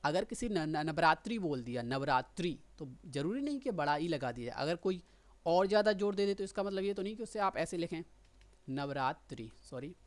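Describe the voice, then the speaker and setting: A woman's voice: on the low side, lively intonation, fairly quick, a little mellow. A woman teaching shorthand, explaining patiently and often checking that listeners follow. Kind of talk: explanatory lesson.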